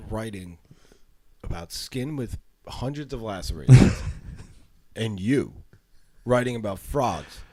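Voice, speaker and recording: A man's voice: lowish voice, expressive, takes it slowly, pauses often, darkish tone, no room sound. A man co-hosting a casual podcast, cutting in with blunt wisecracks. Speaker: podcast co-host.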